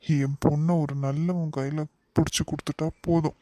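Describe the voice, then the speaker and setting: A man voicing a worried, gentle middle-aged father in a cartoon, soft and weary, in Kanyakumari Tamil. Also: fairly high pitch, flat delivery, moderate pace, dry recording, natural voice. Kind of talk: cartoon voice acting.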